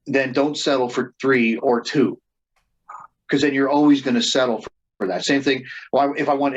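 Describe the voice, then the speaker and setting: Heard through dull audio, a man with a medium-pitched voice leads a band and does reenactment. Interviewed casually, he tells stories while frequently starting over and repeating words.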